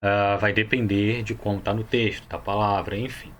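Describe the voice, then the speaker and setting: A man's voice: lowish voice, flat delivery, normal speed, slight background noise. A man with a Brazilian Portuguese accent teaching a Hebrew grammar lesson, explaining each step patiently and often checking that the viewer follows.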